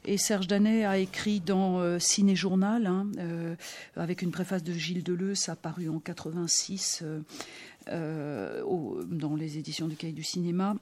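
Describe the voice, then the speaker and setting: A woman's voice: on the low side, moderate pace, a little mellow. A woman hosting a radio show on cinema, introducing the topic with hesitations and reading out quotations. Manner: hesitant, reads quotations aloud. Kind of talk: talk radio film discussion.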